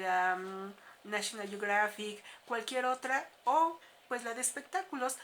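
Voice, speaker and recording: A woman teacher walks her students through a lesson, explaining step by step and filling pauses with small "eh" sounds. Her voice is bright and clear at a middle pitch. Faint noise hums under the recording. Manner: explanatory, steady, with frequent "eh" fillers.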